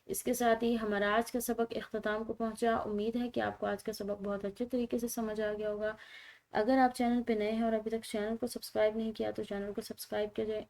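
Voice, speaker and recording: Patient woman teaching Quran recitation. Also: medium pitch. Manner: explains rules patiently, then recites slowly and loudly. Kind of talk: tajweed lesson with slow drawn-out recitation.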